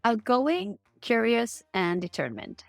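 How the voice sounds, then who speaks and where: A woman's voice: on the high side, big pitch swings, slow pace, creaky, no echo, soft background music. A middle-aged woman from Norway with a Norwegian accent, answering interview questions in a candid, upbeat way over a remote call. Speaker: guest.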